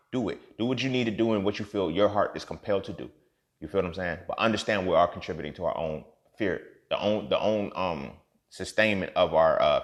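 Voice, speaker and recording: A thirtysomething man hosts a podcast, ranting in a profane, passionate monologue that lurches from quiet muttering to loud outbursts.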